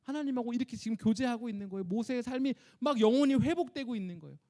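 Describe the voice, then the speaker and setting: High-voiced pastor, animated sermon. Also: male voice, very fast. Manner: lively, acts out voices of Moses and God in dramatic asides.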